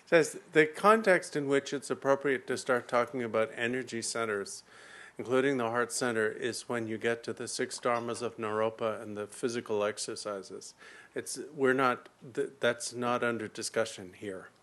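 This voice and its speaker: Man calmly interpreting a dharma teaching. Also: medium pitch. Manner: measured, explanatory, with occasional pauses.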